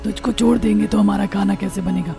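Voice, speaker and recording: A woman's voice: mid-range voice, steady tone, brisk, creaky, over music, close to an everyday voice. A woman voicing a cruel female witch in a cartoon, bossy and scornful. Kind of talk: cartoon voice acting.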